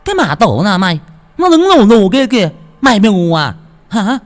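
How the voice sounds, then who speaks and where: A man voicing a spiteful, foul-mouthed young servant girl in a ghost story, with a shrill, snarling delivery. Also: very animated, normal speed, darkish tone. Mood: furious.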